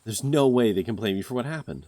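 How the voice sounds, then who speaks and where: A man voicing a bold, curious young woman who talks briskly and with determination in a game. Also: mid-range voice, animated, a little mellow, no echo, natural voice.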